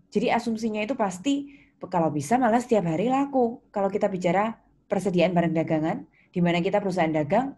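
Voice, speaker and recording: An accounting lecturer with an Indonesian accent talks informally to her students in a mellow, mid-range voice. She explains things conversationally and asks questions to check they understand.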